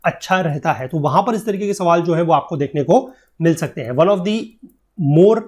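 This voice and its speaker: A man with a slightly high, expressive, somewhat mellow voice gives an exam-prep geography lecture at a moderate pace. He explains patiently, blending English textbook lines into his Hindi, and keeps checking that students follow with tag questions.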